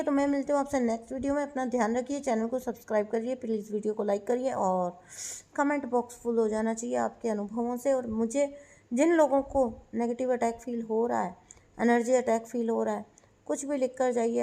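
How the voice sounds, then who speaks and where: A woman with a high, light voice delivers a spiritual advice monologue. She is insistent and repeats herself for emphasis, with English phrases mixed into her talk. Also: vocal fry, a little mellow. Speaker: spiritual channel host.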